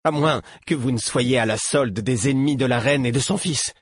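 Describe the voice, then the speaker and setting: A man voicing a frightened young male archer held prisoner, defiant and accusing, with a shrill, quavering voice. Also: moderate pace, husky, no echo, clean studio sound, lightly acted. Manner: accusing, pressing questions.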